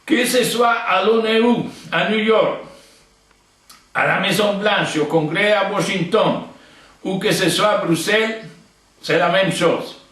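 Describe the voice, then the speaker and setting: Speaking slowly in a high, slightly bright voice, this older man with an Italian accent and Italian upbringing delivers a video open letter with blunt indignation. He sounds distant from the microphone, in an echoey space.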